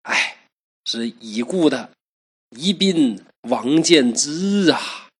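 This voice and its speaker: A man's voice: on the high side, expressive, drawn-out words, husky, heavily acted. A man voicing a kindly old female fox spirit who sighs and coaxes in a storybook tale. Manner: sighing, coaxing.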